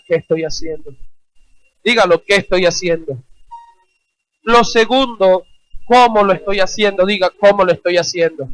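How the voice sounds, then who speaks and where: A man's voice: high voice, a bit bright, dry recording, dull audio. A male pastor preaching a sermon, firing rhetorical questions and having the congregation repeat phrases back to him. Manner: rhetorical questions, emphatic repetition.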